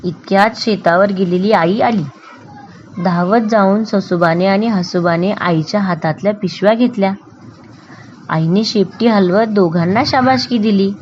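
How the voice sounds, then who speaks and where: A woman reading a children's book aloud with expressive, deliberate storytelling. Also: mid-range voice, lo-fi sound, a little hiss or hum.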